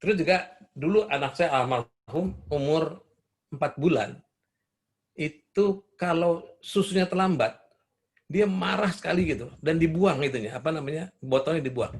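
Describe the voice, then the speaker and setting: A man's voice: on the high side, moderate pace. An older man speaking at a parenting seminar, telling stories and asking the audience questions. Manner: asks the audience questions, warm storytelling. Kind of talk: seminar talk answering questions.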